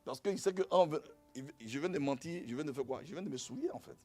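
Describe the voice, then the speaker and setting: A middle-aged male pastor preaching a sermon in a lively storytelling way, going from quiet asides to loud exclamations. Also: a little high, brisk, soft background music.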